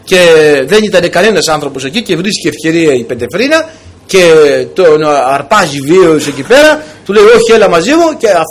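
A man's voice: on the high side, big pitch swings. A man preaching a sermon, telling stories and speaking directly to his congregation with emphasis. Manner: emphatic, storytelling delivery with a direct address to the congregation.

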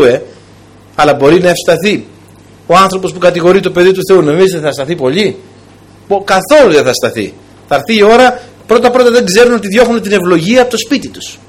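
A male preacher with a husky, slightly breathy voice that sits high for a man. His pitch swings widely as he drives home each point and speaks straight to his flock. He delivers a storytelling sermon with steady emphasis. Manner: emphatic, storytelling delivery with a direct address to the congregation.

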